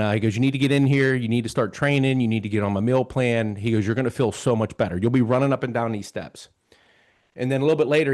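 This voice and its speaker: Man in his fifties, host, earnest casual storyteller, mid-pitched voice, retells conversations. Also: a little mellow. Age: 50s. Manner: earnest, retelling dialogue with lots of "he goes".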